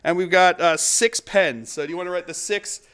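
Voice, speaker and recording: A man hosting a tabletop wargame battle report, giving casual play-by-play of dice rolls. He gets excitable, laughing often and bursting into whoops. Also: sits high, moderate pace, clean tone. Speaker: host and player.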